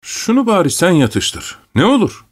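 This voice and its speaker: A man's voice: high voice, huge pitch swings, a little slow, voice pushed up, heavily acted. Man doing a weary village headman. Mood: scolding, coaxing. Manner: scolding, then coaxing.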